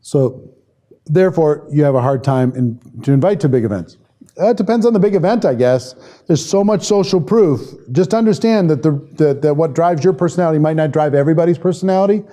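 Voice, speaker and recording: A man who trains salespeople is giving a conversational live lesson online, musing aloud as he picks up and answers comments from viewers. He talks fairly quickly in an expressive, fairly high-pitched voice with a dark tone.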